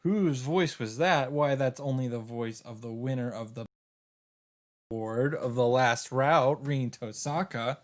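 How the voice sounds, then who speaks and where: A video game let's player reads visual novel narration aloud in a mid-range voice, a little slow, dropping in casual, wry asides. Music plays behind his voice.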